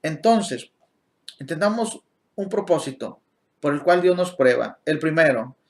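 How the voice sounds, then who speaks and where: A man's voice: on the high side, lively intonation, a little slow. Spanish-speaking man teaching a Bible study. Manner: explains Greek word meanings, asks the listener questions, corrects himself.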